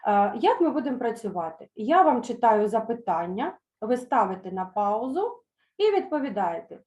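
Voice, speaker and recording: A woman's voice: a little high, big pitch swings, a little mellow, dull audio. Woman teacher reading aloud, echoey room. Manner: slow, careful pronunciation of words for pupils to repeat; hesitant fillers when explaining. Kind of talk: reading a children's story aloud in an online lesson.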